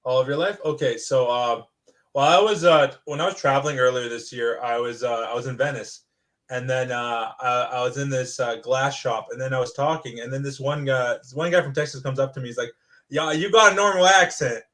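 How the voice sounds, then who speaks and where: A man's voice: mid-range voice, fairly even intonation, brisk, fairly bright tone. A young man hosting a casual podcast chat, asking lots of questions, joking and laughing easily. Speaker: podcast host.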